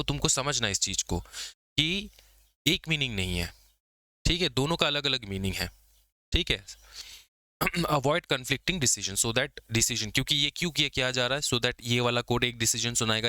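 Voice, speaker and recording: A young man teaching an exam-prep law class, often checking whether students follow and slowing down to dictate definitions. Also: mid-range voice, bright, forceful tone, clean tone, no room sound. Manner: explains casually, checks understanding with repeated questions; slows to dictate English definitions. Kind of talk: exam lecture.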